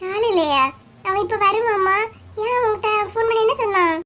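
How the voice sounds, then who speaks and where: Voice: very high voice, moderate pace, bright, forceful tone, a little hiss or hum. A performer voicing a fussy, comforting mother-in-law in a cartoon, with a Kanyakumari Tamil accent and a coaxing manner. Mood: soothing. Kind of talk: cartoon voice acting.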